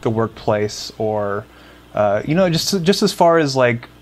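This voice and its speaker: A man's voice: mid-range voice, expressive, unhurried. Young man, casual podcast co-host, rambling delivery with filler words. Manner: rambling, many restarts and fillers. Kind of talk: casual chat.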